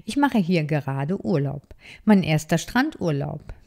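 A woman voicing a small, proud and eager male bookworm in a children's story, speaking slowly. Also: low voice, very animated, creaky, a little mellow, exaggerated voice. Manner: eager, easily startled.

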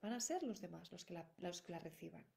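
A woman's voice: on the low side, animated, brisk, gravelly, darkish tone. A middle-aged woman gives parenting advice in a solo talk, talking directly to her listeners and repeating her points. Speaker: parenting educator.

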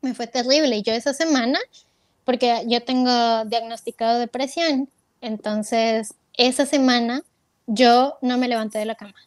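Candid higher-voiced woman telling her story. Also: fairly even intonation, moderate pace, no room sound. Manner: candid, retells with quoted self-talk and many fillers. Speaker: interview guest. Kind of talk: personal storytelling in an interview.

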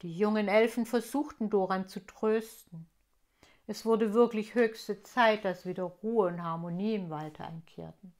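A woman reads a children's storybook aloud, taking it slowly and clearly. Her delivery is gentle and even, made for young listeners. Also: medium pitch. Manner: slow, clear, gentle reading. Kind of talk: reading a children's book aloud.

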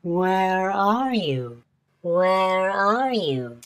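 A man's voice put through formant shifting and hard pitch correction, so it sounds choppy, mechanical and locked to set notes. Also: sing-song, drawn-out words, a bit bright, exaggerated voice. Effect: formant-shifted, hard pitch-corrected robotic portal voice. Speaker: music production tutor demonstrating an effect.

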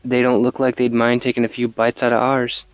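A man reading as a gruff sarcastic fighter. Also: mid-range voice, monotone, a little fast, no room sound, faint music behind, lightly acted. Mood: wry.

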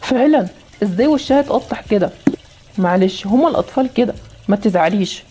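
A woman with an Egyptian accent voicing a gentle, reassuring father in a voiced game story. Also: mid-range voice, a little fast, background noise, lightly acted. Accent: Egyptian Arabic. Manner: calm, reassuring. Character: gentle father, often away traveling.

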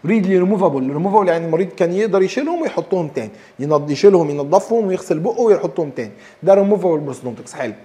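A man with an Egyptian Arabic accent giving a lively dental lecture, acting out patients' questions and mixing in English terms. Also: sits high, rapid-fire. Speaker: dentistry lecturer.

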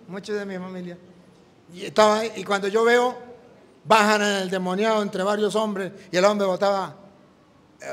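In a sermon built around a story, a priest with a fairly high, animated voice acts out the characters' dialogue. A long reverb carries his words, like a big church hall.

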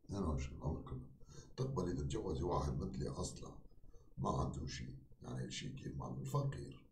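A deep-voiced Kurdish man in his 40s from Kurdistan, whose first language is Kurdish, hosts prank video chats, teasing strangers with rapid-fire questions in joking conversation. His voice is expressive and darkish, picked up off mic by a desk-distance webcam in a small, echoey room with bare walls, with slight background noise.

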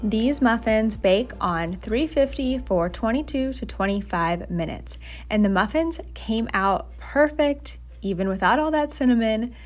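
This young cooking vlogger has a slightly high, expressive voice and speaks at a measured pace. She chats through her home kitchen video in a self-deprecating way, light music underneath.

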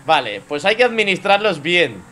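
A young man teasing a friend over a shared game. His voice runs high and lively, rising and falling freely as he jokes. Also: moderate pace. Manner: teasing, laughing. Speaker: gaming partner. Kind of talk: casual gameplay banter.

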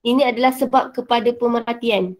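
With a steady tone and a voice on the high side, a woman teacher with a Malaysian Malay accent moves at a quick pace through a casual revision lesson. Fillers are frequent, and English words turn up throughout.

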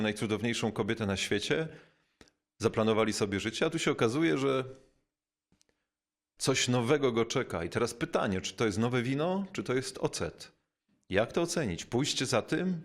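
A man, a bishop, giving a reflective spiritual talk, thoughtful and unhurried, with frequent pauses and fillers, slowing down to stress key words. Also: medium pitch, creaky. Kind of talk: reflective spoken teaching.

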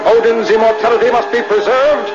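An actor playing a stern, proud guard of the gods, commanding in formal archaic speech, in an old superhero cartoon. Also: male voice, very high voice, steady tone, a little fast. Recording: dull old TV soundtrack, loud music.

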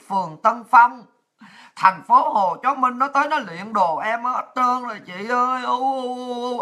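A woman's voice: a little high, sharp tone. A woman voicing a desperate woman market vendor who wails and pleads over and over. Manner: wailing, pleading, repeats "chị ơi là chị".

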